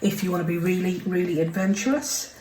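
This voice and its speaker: A woman's voice: lowish voice, level tone, a little fast, background noise. A woman talking through a casual crafting tutorial at her home desk, chatty and apologetic, sometimes dropping to a half-whisper. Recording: roomy, mic set far off, kitchen clatter behind.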